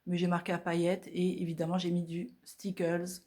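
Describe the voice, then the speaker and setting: A woman's voice: on the low side, completely flat delivery, moderate pace, dark tone. A woman vlogger talking casually through her art journal pages at home, chatty and hesitant, with many fillers.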